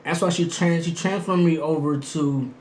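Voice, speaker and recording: A man telling a casual story in an animated way, repeating phrases and quoting back conversations. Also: fairly high pitch, normal speed. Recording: roomy echo, faint background noise.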